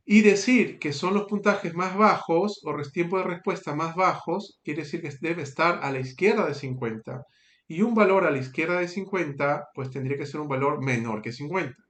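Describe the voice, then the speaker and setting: A man's voice: fairly high pitch, a bit bright, reverberant. A man teaching a statistics lesson, walking through each step patiently and checking in with frequent tag questions. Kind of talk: screen-recorded tutorial.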